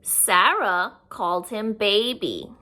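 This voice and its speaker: A woman with a mid-range voice reads a picture book aloud to young children, going slowly and sounding sharp. She reads expressively and adds simple explanations along the way.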